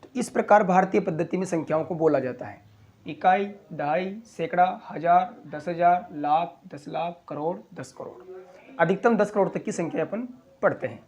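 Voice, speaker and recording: A man teaching a school maths lesson, walking through place values slowly, step by step. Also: sits high, darkish tone. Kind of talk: classroom explanation.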